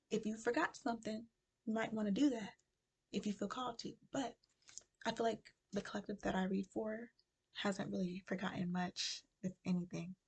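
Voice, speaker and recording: A woman giving a casual spiritual card reading to her viewers, talking with a retainer in her mouth and dropping into soft whispers as she muses. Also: medium pitch, gravelly, breathy edge. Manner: slow, musing delivery with soft whispered phrases; casual, chatty address to viewers. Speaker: tarot card reader.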